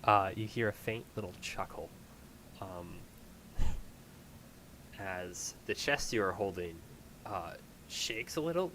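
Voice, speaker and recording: A man narrating a tabletop game as game master, improvising halting, descriptive storytelling addressed to the player. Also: on the low side, bright, forceful tone, a little hiss or hum, rough recording.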